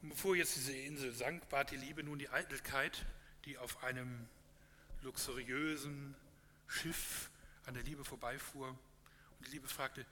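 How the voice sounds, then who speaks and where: A man's voice: medium pitch, steady tone, a little slow, pushed and bright. A man giving an earnest, encouraging sermon close and reading a parable aloud, with some hesitations. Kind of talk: sermon closing with a read parable. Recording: echoey hall with faint hum.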